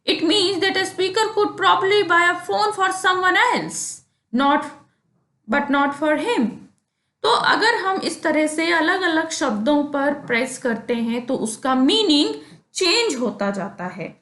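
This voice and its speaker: A woman teaching philosophy, reading definitions slowly and explaining them more quickly in casual asides. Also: very high voice, expressive, pushed and bright, reverberant. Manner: slow, deliberate reading of English definitions, quicker Hindi explanations. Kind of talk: explanatory lecture mixing Hindi and English.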